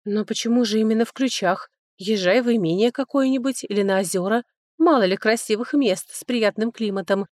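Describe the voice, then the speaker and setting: A woman's voice: a little high, darkish tone, no echo, clean studio sound, close to an everyday voice. A woman reading an audiobook, voicing a sarcastic, touchy young noblewoman who mocks her older sister. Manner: mocking, biting, quick to snipe.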